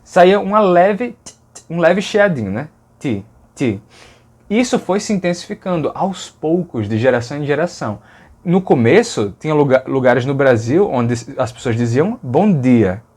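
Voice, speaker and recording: A man's voice: fairly high pitch, lively intonation, moderate pace, darkish tone. A man from Brazil with a Brazilian Portuguese accent, giving a casual educational explanation of speech sounds and patiently saying sounds over and over to demonstrate them. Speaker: linguistics educator.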